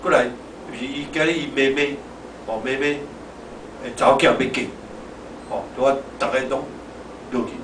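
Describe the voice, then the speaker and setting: A man's voice: mid-range voice, steady tone, normal speed, long pauses. A middle-aged or older male pastor with a Taiwanese Hokkien accent gives an informal, conversational sermon, exhorting and repeating his phrases. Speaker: pastor preaching. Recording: echoey hall, distant mic, noisy background.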